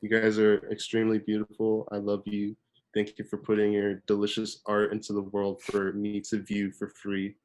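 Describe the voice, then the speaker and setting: A young man, a photographer guest on a podcast, chatting casually in a soft, self-described monotone. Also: on the low side, moderate pace. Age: young adult.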